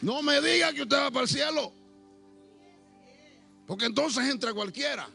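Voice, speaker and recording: A man preaching a Pentecostal sermon to a church congregation, swinging between shouted declarations and low, quiet asides, with a playful teasing streak. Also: expressive, moderate pace, vocal fry, faint music behind. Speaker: pastor.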